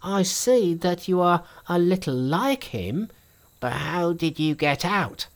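A man voicing a timid, very old farmer who talks slowly and waveringly in a storybook reading. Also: high-pitched, lively intonation, pitched above the performer's own voice, heavily acted. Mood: wary. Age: older. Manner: slow, wavering, muttering. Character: timid ancient farmer, a hundred and thirty.

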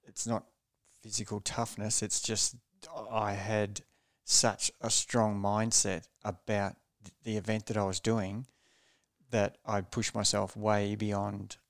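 A man, a former racing cyclist, telling a story as a podcast guest in a measured, low-key way and often restarting his phrases. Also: little pitch movement, gravelly, dry recording. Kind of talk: reflective storytelling in a podcast interview.

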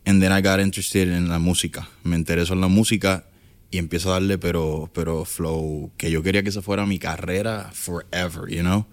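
Low-voiced Puerto Rican man in his thirties. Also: level tone, fairly quick. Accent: Puerto Rican Spanish. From Puerto Rico. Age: 30s. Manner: mixes English words, many restarts and fillers. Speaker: guest entrepreneur. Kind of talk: casual interview talk.

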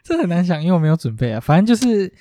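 A young man speaking talks fast in a somewhat high, mellow voice. He chats casually and pokes fun at himself. The sound is close and dry. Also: very animated, no echo. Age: young adult. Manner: quick, laughing, self-mocking. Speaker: departing intern. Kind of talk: casual podcast chat.

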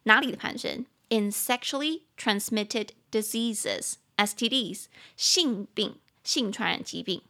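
A young woman with a Taiwanese Mandarin accent hosting a podcast English lesson, mixing Mandarin and English and slowly spelling words out letter by letter. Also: medium pitch, pushed and bright. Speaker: podcast host and English teacher.

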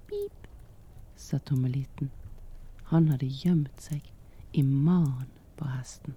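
A man reading a fairy tale aloud slowly and softly, often half-whispering. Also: a little high, slightly rough. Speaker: storyteller. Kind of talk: slow whispered storytelling for relaxation.

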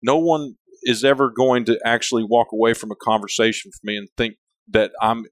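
A man's medium-pitched, steady voice moves fairly quickly in this casual interview, where he's the guest and a company leader. He talks candidly with a big voice and personality, rambling and restarting often. There's no room sound.

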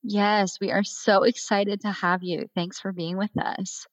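A woman's voice: medium pitch, flat delivery, a little slow, dry recording, low-quality recording. A woman hosting a podcast, reading a scripted introduction and asking questions in an upbeat, welcoming way. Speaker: podcast host. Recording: dry close recording with faint music.

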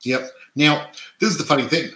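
Male co-host, raised in Adelaide, chatty, self-correcting, bright tone, roomy echo. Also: fairly high pitch, moderate pace. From Australia (Adelaide). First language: not English; parents were immigrants. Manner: chatty, tags statements with "right?", many restarts. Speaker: podcast co-host, real estate investor. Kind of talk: casual chat.

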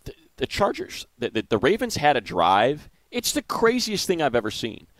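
An older man co-hosting a casual football chat, excitable, repeating numbers for emphasis and restarting his sentences, with the hiccups. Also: fairly high pitch, moderate pace, dry recording. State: has the hiccups. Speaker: sports podcast co-host. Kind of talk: casual sports analysis chat.

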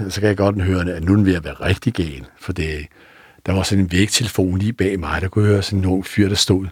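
A man's voice: low-pitched, husky, no room sound, clean studio sound. A man telling a rambling first-person anecdote, chaining events with "and then". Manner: rambling, chatty, many "og så" links. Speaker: storyteller.

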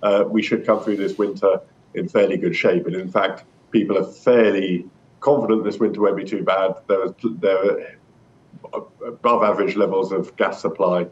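A low-pitched man gives explanatory interview answers as an energy expert. He is measured, now and then repeating himself, over a dull remote line. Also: fairly even intonation. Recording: muffled remote line with rumbling noise.

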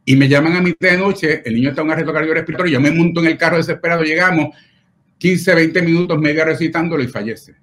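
A man's voice: a little high, fairly even intonation, quick pace, a bit bright. A middle-aged man, a pediatric doctor telling personal stories in an interview in an earnest, emotional way, often adding tag questions. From Puerto Rico. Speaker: pediatric nephrologist.

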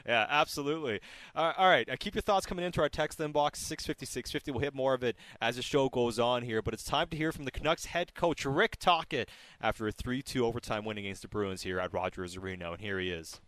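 A man hosts a live sports radio post-game show. He talks quickly at a middle pitch, and the sound is dry and studio-close. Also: fairly bright tone, no echo.

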